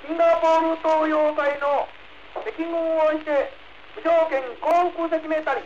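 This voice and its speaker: High-voiced man in an old echoey speech recording. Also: flat delivery, moderate pace. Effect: old archival speech recording. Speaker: speaker addressing the nation. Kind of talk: formal public address. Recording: muffled old recording with hiss and echo.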